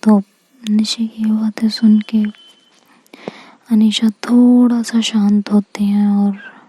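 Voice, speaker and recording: A young woman telling a story as whispered role-play, soft, slow and gentle, voicing the characters' words under her breath. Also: mid-range voice, level tone, slightly rough, low-quality recording.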